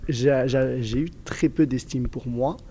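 In a casual interview conversation, the guest, a man in his twenties from southern France near Toulouse, responds haltingly, often restarting and using fillers. He speaks with a mellow, mid-range voice, and faint background noise can be heard.

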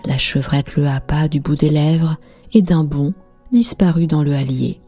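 A woman narrating a bedtime fairy tale in a calm, measured reading. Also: low-pitched, husky, faint music behind. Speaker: storyteller.

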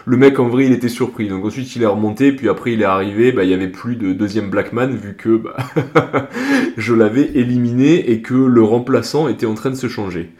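Slangy young man telling a story. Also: mid-range voice. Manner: slangy, animated, lots of fillers. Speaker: podcast host. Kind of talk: casual storytelling. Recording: roomy echo.

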